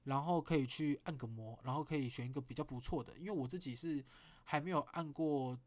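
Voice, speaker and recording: Speaking with a Taiwanese Mandarin accent, this man hosts a podcast and narrates a story in a relaxed monologue. He sounds on the high side and brisk, animated and swearing bluntly as he goes.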